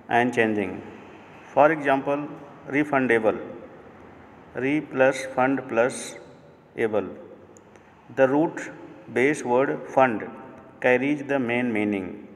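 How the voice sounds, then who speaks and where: A man teaching a grammar lesson on a video channel, breaking words into parts and explaining them in Hindi, slowly and deliberately. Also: mid-range voice, long reverb tail, slight background noise. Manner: slow, deliberate, spelling out word parts and glossing them in Hindi. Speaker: English teacher.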